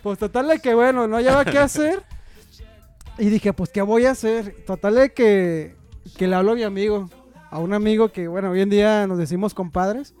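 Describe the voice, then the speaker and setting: A young man with a Mexican Spanish accent tells a long, meandering story among friends, with plenty of slang and filler words. His voice sits high for a man, and soft music plays faintly behind him. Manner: rambling anecdote with slang and fillers. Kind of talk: casual storytelling chat.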